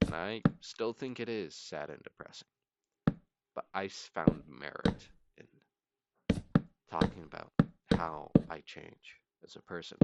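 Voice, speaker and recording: A man speaks alone late at night in an extremely deep voice full of fry. He sounds weary and brooding, moving slowly and haltingly through his thoughts and trailing off. Loud noise and clicking run through the amateur recording. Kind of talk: late-night rambling solo monologue.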